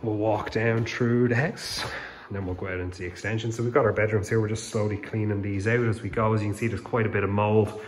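Low, even-toned man touring a renovation. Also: fast. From Ireland. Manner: relaxed, explanatory, many fillers. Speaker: home renovation vlogger. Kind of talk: casual walkthrough narration. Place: unfinished house under renovation, indoors. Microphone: handheld phone camera. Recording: echoey bare rooms, faint background noise.

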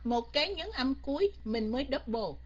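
A woman teaches an online English grammar class, quizzing her students again and again. Her voice sits a little high and has a husky edge. The lo-fi recording sounds dull and muffled. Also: animated, moderate pace, darkish tone. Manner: coaxing, keeps quizzing students, mixes in English.

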